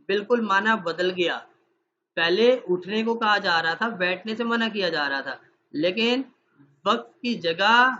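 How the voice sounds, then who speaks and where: Male teacher, dry throat, high bright voice, questions the class, dull call audio, faint noise. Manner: explains with examples, asks students questions. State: dry throat while fasting. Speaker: Quran recitation teacher. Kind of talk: online class lecture. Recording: dull, slightly noisy online call audio.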